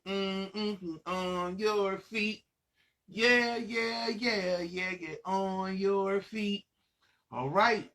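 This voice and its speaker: Speaking in a high, fairly bright voice, a man presents a children's storytime program and guides kids through exercises. His manner is playful and encouraging, and his phrasing is repetitive and sing-song.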